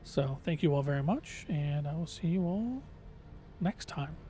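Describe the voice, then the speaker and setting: A man's voice: a little high, animated, a little slow, mellow, a little hiss or hum. A man livestreaming a game in casual, earnest, hesitant chat, his voice slightly reedy and tired from long talking.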